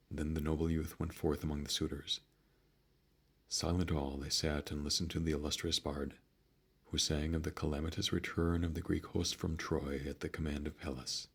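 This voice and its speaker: A man with a deep, firm voice reads an epic poem as a calm, measured, solemn bedtime narration. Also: slightly rough. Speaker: audiobook narrator.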